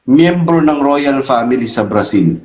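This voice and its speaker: Isang lalaking host ng channel sa kaswal na kuwentuhan, masigla at minsan nanenermon. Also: male voice, medium pitch, a little slow. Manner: animated, scolding when addressing critics. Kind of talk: casual chat. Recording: echoey room.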